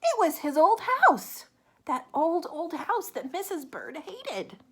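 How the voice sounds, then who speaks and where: Reading a children's picture book, a high-voiced woman takes her time and brings the story to life, pausing for asides to her young audience. Her delivery is lively yet measured, with questions put to the listeners.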